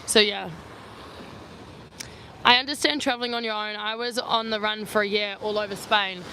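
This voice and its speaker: Outdoors on a beach promenade, a New Zealand travel vlogger in her twenties livestreams from her phone, answering viewer questions while sweaty and squinting in the sun. Her mid-range voice is bright and forceful with fairly even intonation at a moderate pace, packed with "like" fillers. The recording is rough, with faint street and traffic noise.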